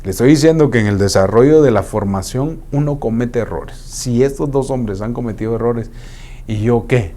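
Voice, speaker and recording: A man's voice: mid-range voice, normal speed. A man preaching a sermon, acting out Bible scenes in different voices. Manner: animated, acts out scenes in voices.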